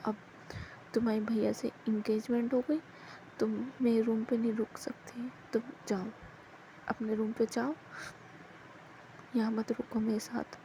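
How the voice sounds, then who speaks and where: Storybook read-aloud: a woman plays a withdrawn, heartbroken young woman, quiet and mellow. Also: on the high side, flat delivery, measured pace, long pauses, a little hiss or hum, low-quality recording. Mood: subdued, hurt. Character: young woman, hurt and withdrawn, pushing her love away.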